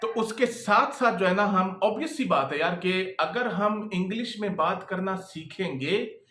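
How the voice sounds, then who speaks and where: High-voiced man giving chatty advice. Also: expressive, measured pace, pushed and bright. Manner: chatty, repetitive, keeps checking in with the listener. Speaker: freelancing coach. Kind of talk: casual advice talk to camera. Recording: echoey room.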